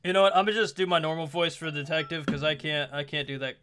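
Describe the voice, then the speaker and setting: A man's voice: fairly high pitch, fairly even intonation, fast talker, a bit bright, slight background noise. A man hosting a casual gameplay video, chatting in a rambling, self-deprecating way. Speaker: let's-play host.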